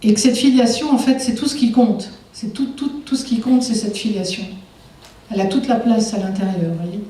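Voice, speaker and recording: A woman's voice: mid-range voice, fairly even intonation, brisk, warm tone, faint music behind. A woman giving a public lecture, engaging the audience with frequent rhetorical questions. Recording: echoey hall, far from mic.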